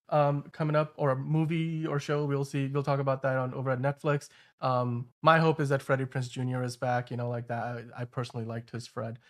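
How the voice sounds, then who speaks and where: A man hosting an entertainment news show, giving casual commentary in a loose, conversational way with frequent asides. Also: mid-range voice.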